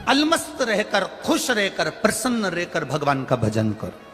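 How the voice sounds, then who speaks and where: A man telling devotional stories in a sermon, animated and sing-song, rising suddenly loud. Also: sits high, a little slow. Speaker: religious storyteller. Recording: long hall reverb with faint music.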